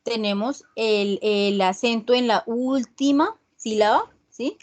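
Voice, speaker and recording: A woman teaching an online English class, explaining rules slowly and checking in with her students often. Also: a little high. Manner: slow, repeats "¿sí?" checks with students. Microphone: video call.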